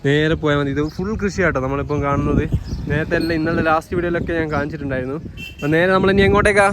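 Male travel vlogger, Kerala accent, informal and chatty, rapid delivery, heavy vehicle noise on location. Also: fairly high pitch. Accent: Kerala Malayalam. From Kerala, India. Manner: chatty, addresses viewers informally. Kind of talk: casual travel vlog commentary. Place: on the move outdoors and in buses. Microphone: handheld phone. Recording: loud traffic and engine noise.

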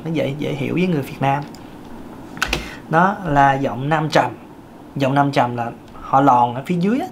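A man with a thin, light voice, giving a casual singing lesson, chatty with many fillers. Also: a little hiss or hum. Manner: chatty, with many fillers and sudden pitch jumps. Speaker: singing teacher.

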